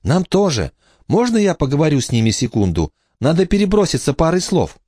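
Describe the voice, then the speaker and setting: A man voicing a stubborn, pleading young girl, the youngest of three siblings, in a high, insistent voice. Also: very animated, brisk, warm tone, no room sound, studio quality. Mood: urgent.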